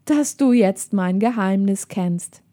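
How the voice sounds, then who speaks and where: A woman's voice: medium pitch, dark tone, natural voice. Woman voicing a sneering escaped convict. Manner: slow, hissing, sneering. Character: menacing middle-aged male escaped convict.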